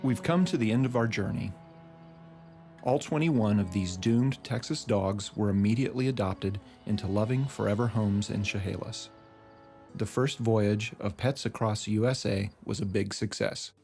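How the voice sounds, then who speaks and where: A man giving measured, scripted documentary narration. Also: fairly low pitch, darkish tone, soft background music.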